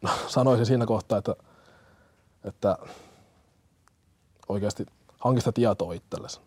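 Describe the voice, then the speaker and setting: Young male paramedic from Kenya, earnest and halting, low-pitched, dry studio sound. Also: darkish tone, slightly rough, no echo. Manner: earnest, hesitant, many fillers and restarts. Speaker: firefighter-paramedic. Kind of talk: interview answers.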